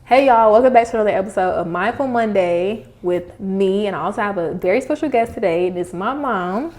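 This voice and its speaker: A woman's voice: mid-range voice, fairly quick, a little mellow, slight background noise. Young female podcast host, casual and conversational, slight lisp from wearing retainers. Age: young adult. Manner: speaking with retainers in. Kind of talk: casual chat.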